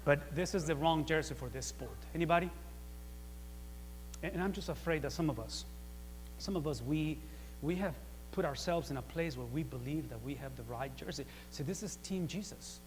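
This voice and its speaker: A man preaching a sermon, chatty and full of rhetorical questions, swinging from quiet asides to loud emphatic peaks. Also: on the high side, normal speed, long reverb tail, slight background noise. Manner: conversational, with rhetorical questions and repeated phrases.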